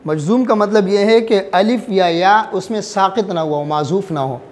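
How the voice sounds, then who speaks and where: A man teaching a recitation class, drilling his students with repeated check questions and reciting examples slowly, letter by letter. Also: sits high. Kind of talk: classroom lesson.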